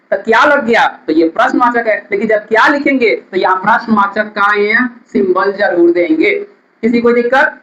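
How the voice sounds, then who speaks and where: A man's voice: very high-pitched, bright, forceful tone, roomy sound, muffled recording. A male teacher, giving a classroom grammar lesson, repeating definitions and quizzing his students.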